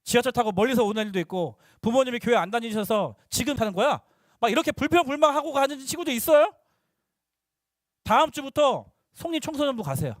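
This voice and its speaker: A young male youth pastor preaching to middle schoolers, lively and teasing, slipping into casual talk with the teens. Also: extremely high pitch, fast, no room sound, clean studio sound.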